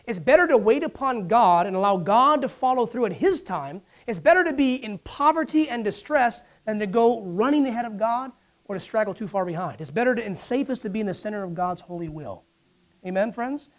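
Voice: mid-range voice, lively intonation, brisk. A preacher giving a sermon, asking the congregation for responses and acting out Bible figures in dialogue.

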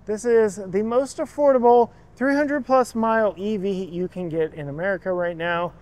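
A man with a high voice and a darkish tone hosts a car channel and reviews cars. Speaking at a normal speed, he walks through an auto show chatting enthusiastically about the vehicles, gushing over details and cueing his camera operator.

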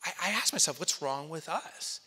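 A man in his forties gives a stage keynote, swinging his pitch widely as he tells stories and acts out what people said. His tone is bright and forceful, a little on the high side. A headset mic picks him up in a large hall with a long reverb. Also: moderate pace, slightly rough. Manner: lively storyteller, acts out quotes and jumps to excited highs. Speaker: keynote speaker. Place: large conference hall, on stage in front of an audience.

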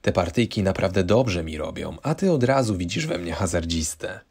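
A man voicing a dismissive, condescending husband who gambles, in a low, gravelly, husky voice. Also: expressive, moderate pace, darkish tone, heavily acted. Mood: patronizing. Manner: condescending, defensive. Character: smug middle-aged husband, dismissive gambler.

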